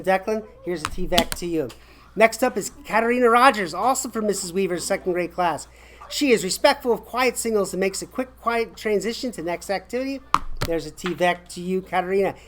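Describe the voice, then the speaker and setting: A man's voice: sits high, slight background noise. An American man in his forties giving casual, enthusiastic school announcements to a camera in a classroom, chatty and encouraging. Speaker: school staff host of morning announcements. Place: small classroom, indoors.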